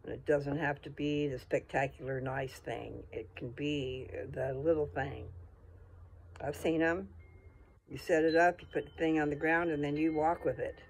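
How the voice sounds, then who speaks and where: A man's voice: on the high side, steady tone, moderate pace, a little hiss or hum. A man talking in a casual, folksy, rambling way, thinking aloud as if to someone he knows. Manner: folksy, informal, thinking aloud with trailing asides.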